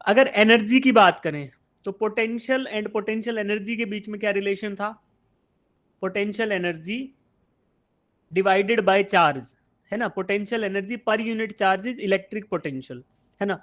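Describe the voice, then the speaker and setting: This is a man from India with a fairly high voice, teaching physics in a live online class. He lays out the idea one step at a time, fires questions at the students and answers them himself, and keeps calling them "beta". His technical come out. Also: slow, fairly bright tone. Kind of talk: live online exam-prep lecture.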